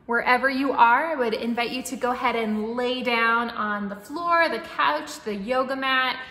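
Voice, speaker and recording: A woman leading a guided breathwork meditation in a soothing, instructing manner, with long pauses and audible breathing and sighs. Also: fairly high pitch, sharp tone. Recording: echoey reverberant room, faint background noise.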